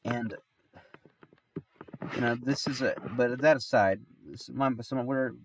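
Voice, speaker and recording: A man's voice: medium pitch, steady tone, takes it slowly, far from the mic, a little hiss or hum. A man with a stuffy nose from being sick, telling a rambling story on a livestream, full of restarts and fillers. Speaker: streamer.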